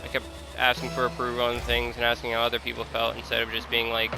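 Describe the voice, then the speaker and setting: A man in his early twenties talks in a casual, confiding way over gameplay. His pitch is average for a man and his delivery is hesitant and self-deprecating. Music plays clearly behind him. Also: monotone, fast talker, rough recording. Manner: hesitant, searching for words. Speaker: gaming content creator.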